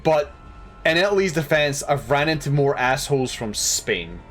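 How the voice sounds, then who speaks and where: A man's voice: a little high, expressive, normal speed, fairly bright tone, faint music behind. A tired man chatting casually while streaming a game, rambling and laughing at himself. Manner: rambling, laughing, self-deprecating.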